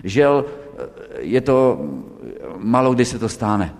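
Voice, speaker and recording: A man giving a lively lecture to students, telling stories and firing rhetorical questions at the audience. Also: mid-range voice. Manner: lively, engaging storyteller. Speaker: prevention lecturer. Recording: long hall reverb.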